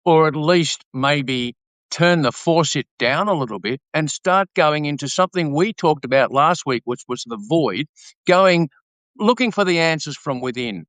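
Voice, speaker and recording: A man with a slightly raised pitch talks in a measured, halting way. He leans on fillers and restarts. The sound is close and dry. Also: lively intonation, a bit bright, no room sound. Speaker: podcast co-host. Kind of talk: casual conversation.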